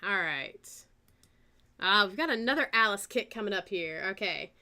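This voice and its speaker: A woman with a Southern American accent hosting a live-stream auction, chatting in an unhurried way as she reads out kit details and starting bids. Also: medium pitch, animated, pushed and bright.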